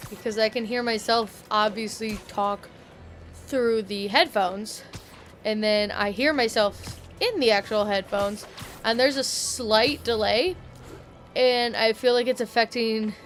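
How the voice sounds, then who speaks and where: A woman streamer talks through a game in casual, rambling commentary, slow and full of fillers and restarts. Her voice sits a little high and sometimes drifts away from the mic, with faint music underneath. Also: a bit bright. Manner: rambling, with many fillers and self-corrections. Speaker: gaming streamer. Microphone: headset or desk mic, at times far from it.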